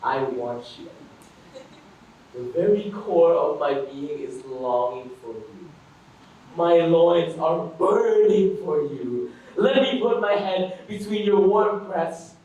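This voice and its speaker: A posh, self-assured young gent, acted by a young man on a school stage, plummy and coaxing. He speaks slowly. The voice is distant in a very echoey hall with music faintly behind. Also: on the high side, lively intonation, a little mellow, muffled recording. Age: young adult. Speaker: student stage actor. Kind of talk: stage play acting.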